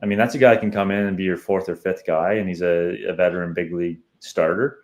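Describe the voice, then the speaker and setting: A man's voice: sits low, fairly even intonation, fast, a little mellow. A man with a Canadian accent co-hosting a podcast, giving confident, opinionated baseball analysis. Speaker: podcast co-host. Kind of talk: casual sports analysis.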